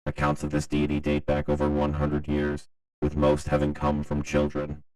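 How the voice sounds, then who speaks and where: A man voicing a stern emergency broadcast announcer who reads a mock safety warning in a measured, official monotone. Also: extremely low pitch, smooth, poor audio. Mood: grave.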